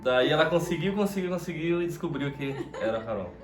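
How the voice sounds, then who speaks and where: A man's voice: fairly high pitch, animated, quick pace. A Brazilian man casually telling his side of a couple's story and prompting his partner. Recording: echoey room with background music.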